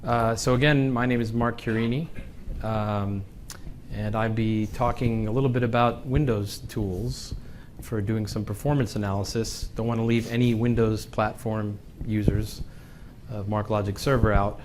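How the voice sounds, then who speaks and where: A man presenting a technical session at a conference, relaxed and joking, with some fillers. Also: fairly low pitch, normal speed, a little hiss or hum. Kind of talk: conference tech talk. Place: conference room.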